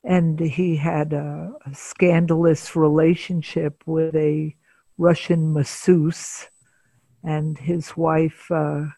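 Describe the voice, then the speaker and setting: An older woman speaking as a therapist guest in an interview, unhurried and deliberate, with frequent pauses between phrases. Her voice carries a gravelly texture and a husky, breathy edge. The sound is close and dry, with no room around it. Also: deep voice, dark tone, no echo. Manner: measured, pauses often with filler sounds. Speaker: psychotherapist guest. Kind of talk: storytelling in an interview.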